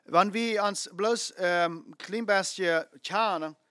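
A man's voice: high-pitched, takes it slowly, pushed and bright, dry recording, clean studio sound. A man preaching a sermon, emphatic, repeating phrases and asking rhetorical questions.

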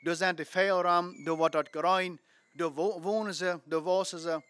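A man's voice: high-pitched, steady tone, unhurried, fairly bright tone. A man preaching a sermon, emphatic, repeating phrases and asking rhetorical questions.

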